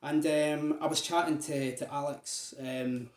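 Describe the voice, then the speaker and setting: In a roomy-sounding recording, an Aberdeen vlogger delivers a loose, casual monologue to viewers, full of fillers. His pitch is fairly high and his tone steady, and he keeps a measured pace as he chats away.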